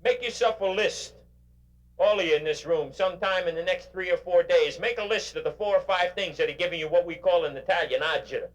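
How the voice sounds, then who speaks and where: Emphatic older motivational speaker. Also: male voice, sits high, fairly quick. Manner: animated, emphatic, preacher-like. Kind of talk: motivational keynote speech. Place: hall with a live audience.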